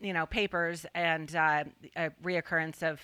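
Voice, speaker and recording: Woman host, casual podcast chat, dramatic delivery, smooth clear voice, dry sound. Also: sits low, fairly even intonation, unhurried, pushed and bright, no echo. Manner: dramatic, emphatic storytelling.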